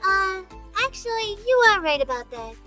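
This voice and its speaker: A squeaky AI child. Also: female voice, sing-song, normal speed, sharp tone, faint music behind, exaggerated voice. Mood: teasing. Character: high squeaky childlike girl voice. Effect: AI voice changer.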